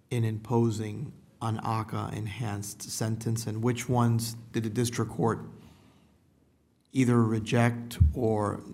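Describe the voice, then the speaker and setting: A man's voice: on the low side, a little mellow. A man presiding as judge, calling cases and asking matter-of-fact procedural questions. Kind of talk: courtroom questioning.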